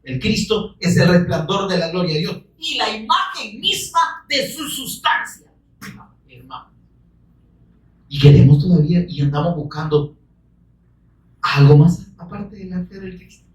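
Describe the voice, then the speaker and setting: A man delivers a fervent sermon, swinging into shouts and pressing his listeners with questions. He sounds set back from the microphone. The room rings with echo around him. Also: sits high, expressive, normal speed, recorded from a distance. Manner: fervent, bursts into shouting, pleads with rhetorical questions. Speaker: preacher. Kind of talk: evangelical sermon.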